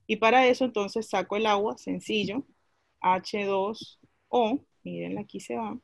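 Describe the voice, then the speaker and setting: A woman's voice: medium pitch, a little slow, vocal fry, dry recording. A woman teaching a class, explaining a chemistry lesson step by step and asking her students questions as she goes.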